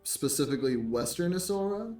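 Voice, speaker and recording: A man narrating as game master in a relaxed, laughing way. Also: a little high, a little fast, soft background music. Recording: echoey room, mic far off.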